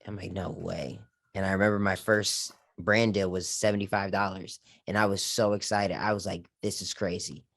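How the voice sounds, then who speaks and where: A man with a low voice, chatting as a guest on a podcast. He tells stories in an easygoing, casual way and leans on fillers as he goes. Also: level tone, a little fast, few pauses, fairly bright tone. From Japan. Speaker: guest content creator. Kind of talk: relaxed podcast conversation.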